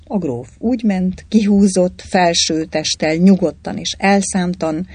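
An audiobook reader narrating an adventure novel with lively, expressive delivery. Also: mid-range voice, slightly rough, dry recording. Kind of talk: storybook reading.

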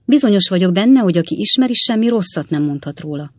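A reader voicing an excitable widowed woman innkeeper in an audiobook, loud and theatrical. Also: mid-range voice, no echo, lightly acted. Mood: coy, indignant. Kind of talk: audiobook reading.

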